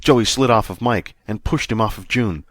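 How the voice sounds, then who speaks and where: A man narrating a sci-fi audiobook in a steady, measured storytelling manner. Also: fairly low pitch, dry recording. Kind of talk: scripted narration.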